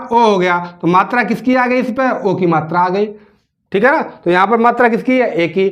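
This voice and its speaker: A man teaching a grammar lesson, asking questions and answering them himself and repeating words slowly as he spells them out. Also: high voice.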